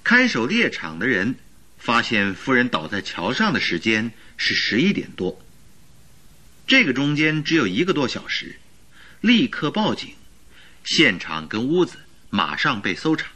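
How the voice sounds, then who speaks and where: A man's voice: medium pitch, wildly swooping pitch, unhurried, bright, forceful tone, full character voice. A man playing an earnest, eager doctor and detective's companion in a radio drama, explaining with emphasis. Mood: earnest, reasoning. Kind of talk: Mandarin radio drama acting.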